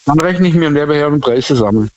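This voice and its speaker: A man's voice: a little high, expressive, fast, darkish tone, slight background noise. A man calling a radio show and telling everyday anecdotes in casual talk. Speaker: radio phone-in caller. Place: on the phone. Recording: dull phone line.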